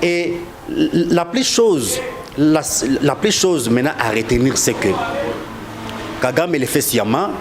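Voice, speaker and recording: A man's voice: fairly high pitch, animated, takes it slowly, background noise. A man from DR Congo with a Congolese French accent, speaking as an official in a live outdoor interview, emphatic and accusatory, often repeating words and hesitating.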